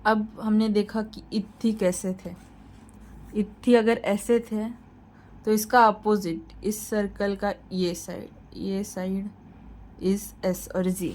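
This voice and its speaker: A woman's voice: mid-range voice, steady tone, slow pace, darkish tone, rough recording. Woman teaching step by step. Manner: instructive, repeats points, reassuring. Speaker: shorthand teacher. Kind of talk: tutorial lesson.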